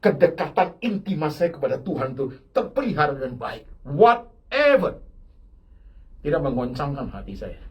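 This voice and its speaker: A man's voice: medium pitch, darkish tone. An older man preaching a sermon as pastor, with emphatic repeated phrases and bits of English mixed in. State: ill with kidney disease.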